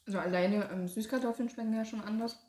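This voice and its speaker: A woman's voice: medium pitch, steady tone, fast talker, darkish tone. A woman, talking casually as co-host of a tasting video. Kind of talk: casual chat. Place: domestic room indoors. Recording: roomy echo, clear background noise.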